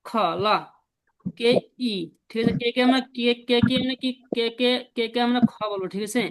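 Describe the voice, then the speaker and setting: A woman's voice: on the high side, fairly even intonation, fast talker, no echo, rough recording. A woman teaching a beginner language class, patiently repeating sounds and drilling her students.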